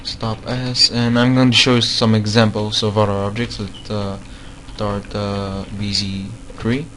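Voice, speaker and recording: A man who isn't a native English speaker narrates a screen-recorded game-modding tutorial in an unhurried, level, fairly bright voice that sits a little low. His speech is hesitant, with frequent fillers, restarts, and repetition, and a faint background hum comes through his desktop mic.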